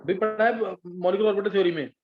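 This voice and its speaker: A man's voice: sits high, fairly even intonation, racing. A man teaching chemistry in a live class, patiently explaining step by step and often checking whether his students follow. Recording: dull lo-fi sound.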